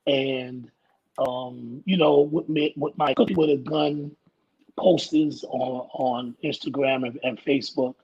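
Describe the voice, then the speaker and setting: Raspy-voiced man, laid-back storyteller. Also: medium pitch, steady tone, slow pace, darkish tone, lo-fi sound. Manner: laid-back, rambling storyteller who laughs often. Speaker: guest actor. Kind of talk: casual interview chat.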